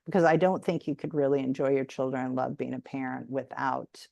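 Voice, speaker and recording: A woman's voice: a bass voice, fairly even intonation, a little fast, gravelly, no echo. A woman from the United States, hosting a podcast and giving rambling, conversational parenting advice. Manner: rambling, warm, frequent "you know". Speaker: podcast host.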